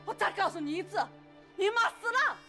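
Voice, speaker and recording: A very high, swooping voice belongs to a shrill young aunt who nags and shouts at her niece, as an actress plays her. The drama scene has loud music running under it. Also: big pitch swings, a little fast. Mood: cruel. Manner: sharp, nagging, shouting. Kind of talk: TV drama acting.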